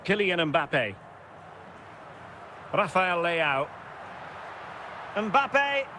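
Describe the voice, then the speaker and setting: High, bright-toned male football commentator. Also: a little hiss or hum. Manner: brisk calls of player names. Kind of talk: sports commentary. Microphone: studio recording played from the game.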